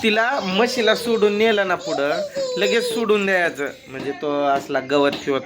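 A man's voice: high-pitched, sing-song, moderate pace, heavy background noise. A father chatting casually in a family vlog, playful and teasing as he calls out to his children. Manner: playful, teasing, often calling out to the kids.

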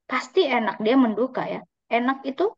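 Female language teacher, slow modeled words, muffled dry call audio. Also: a little high, expressive, slightly rough, no room sound. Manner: patient, drawn-out model pronunciations. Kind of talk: online class explaining grammar. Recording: dry, slightly dull online call audio.

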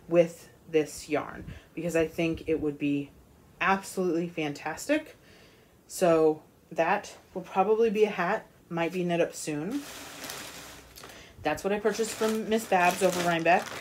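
A woman's voice: fairly low pitch, darkish tone, slight background noise. A woman hosting a knitting podcast, chatting casually about her yarn purchases with lots of ums and restarts. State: has the hiccups. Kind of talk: casual show-and-tell chat.

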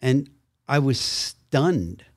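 An older man, a guest, telling animated stories in a conversation and slipping into voices. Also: medium pitch, extremely slow, no room sound, clean studio sound. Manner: animated storyteller, acts out voices. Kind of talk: storytelling in a conversation.

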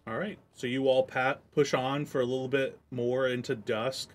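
A man narrating a tabletop game as game master, in a relaxed way with frequent ums. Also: mid-range voice, moderate pace.

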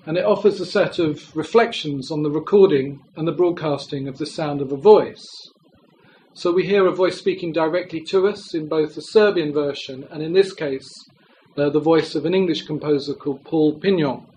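A man's voice: a little high, normal speed, a little mellow, a little hiss or hum, low-quality recording. A man giving an academic presentation, speaking in a thoughtful, exploratory way with hedging phrasing. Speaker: lecturer.

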